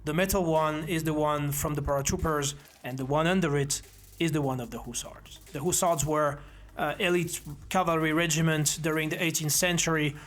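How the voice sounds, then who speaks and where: A man, founder of a self-defense academy and former army officer, earnestly telling his own story to camera. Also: fairly high pitch. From Belgium. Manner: earnest, steady, measured delivery. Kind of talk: presenting to camera, personal story.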